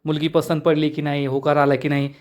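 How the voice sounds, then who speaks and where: A man's voice: a little high, little pitch movement, a little fast, close to an everyday voice. Yashada, a man voicing a touchy young villager. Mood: irritated. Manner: irritated, defensive. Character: irritable young village man, shy in love.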